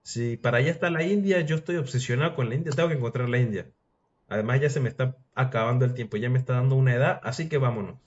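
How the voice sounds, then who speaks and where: An aging explorer driven by obsession, pushing ahead with eager insistence, as a man retells his words. He sounds like an ordinary mid-pitched man. The lo-fi recording dulls him. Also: quick pace, lightly acted. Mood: determined. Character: aging obsessed male explorer set on one goal. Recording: dull lo-fi sound.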